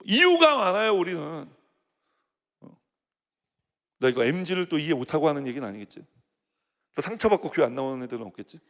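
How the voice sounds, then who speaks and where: A man's voice: on the high side, very animated, quick pace, fairly bright tone. Male pastor, middle-aged, sermon, conversational, rhetorical questions, echoing church hall. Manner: conversational preaching, rhetorical questions, casual asides. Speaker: senior pastor. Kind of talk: sermon to a young adults' congregation.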